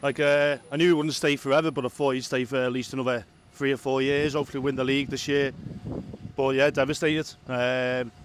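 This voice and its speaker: A man's voice: mid-range voice, little pitch movement, fairly quick. A man giving his view as a football fan in a street interview. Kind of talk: street vox pop interview. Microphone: handheld interviewer's microphone. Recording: outdoor street noise in background.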